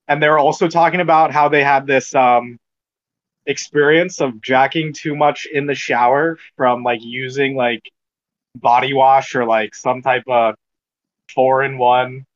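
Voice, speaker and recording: Animated swearing young man, lo-fi. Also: mid-range voice. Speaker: podcast co-host. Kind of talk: casual chat.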